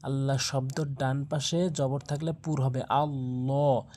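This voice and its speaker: A man's voice: mid-range voice, flat delivery, measured pace, dark tone. A man giving a Quran pronunciation lesson, spelling out letters and vowel marks and repeating each word as a drill. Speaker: Quran recitation teacher.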